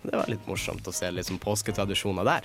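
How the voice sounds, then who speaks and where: A man's voice: low-pitched, fairly even intonation, music in the background. A young man from Northern Norway with a North Norwegian accent, chatting casually as a guest in a radio studio.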